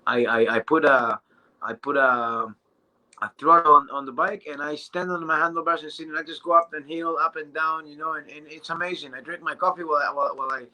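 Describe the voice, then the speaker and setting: A man in his thirties giving an excited, casual motivational testimonial, often restarting and stumbling over his words. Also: fairly high pitch, poor audio. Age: 30s. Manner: excited and halting, with many restarts and fillers. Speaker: business testimonial speaker.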